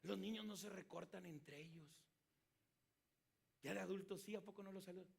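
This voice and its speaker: A man's voice: sits high, normal speed, vocal fry, breathy edge. A man with a Mexican Spanish accent, preaching as a pastor and asking his listeners questions as he tells a story. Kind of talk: sermon.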